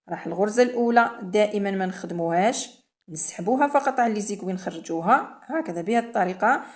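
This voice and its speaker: A woman's voice: on the high side, a little mellow. A woman with an Algerian Arabic accent teaching knitting step by step, patiently repeating instructions for beginners. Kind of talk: step-by-step craft tutorial.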